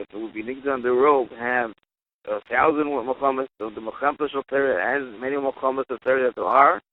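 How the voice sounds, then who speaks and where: A man leaving an earnest voicemail message for a radio show, mixing Hebrew and Aramaic terms into his English. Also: mid-range voice. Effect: played voicemail message. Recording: tinny phone-line voicemail.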